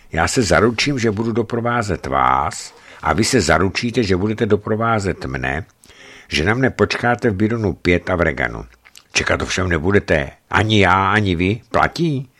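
A man voicing a shrewd, gruff middle-aged ex-legionnaire trucker who talks bluntly and matter-of-factly. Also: lowish voice, a bit bright. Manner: blunt, matter-of-fact bargaining.

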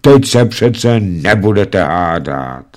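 A man voicing a soft-hearted, pleading young noble daughter in a storybook reading. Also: sits low, expressive. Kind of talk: audiobook reading.

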